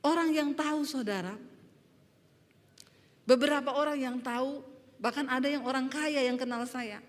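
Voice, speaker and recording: A middle-aged woman pastor from Indonesia preaching a sermon, telling an emotional testimony with her voice climbing high and loud. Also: moderate pace. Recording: long hall reverb.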